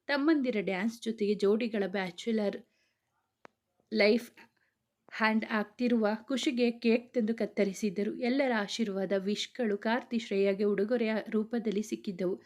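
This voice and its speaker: Woman reading out a love story, steady even telling, does all the lines in her own voice. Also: a little high. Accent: Kannada. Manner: reads all dialogue in her own plain voice. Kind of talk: scripted story narration.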